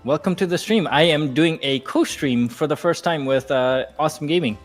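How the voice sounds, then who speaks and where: A man from Nepal, chatting casually on a live game stream, laughing easily and reacting out loud to play. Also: fairly high pitch, moderate pace, soft background music. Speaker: gaming streamer. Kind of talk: casual live-stream chat while gaming.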